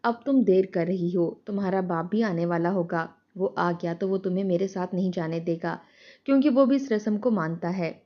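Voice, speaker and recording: A woman's voice: fairly low pitch, highs cut off, lightly acted. A woman doing an anxious village mother. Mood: stern. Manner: pleading, fretful.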